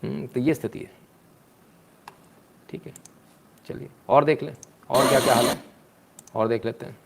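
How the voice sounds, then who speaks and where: Man, 30s, sarcastic live-stream commentary, scolding tone, mid-pitched voice. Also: fairly even intonation, moderate pace, creaky, breathy edge. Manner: mocking, scolding, reading viewer comments aloud.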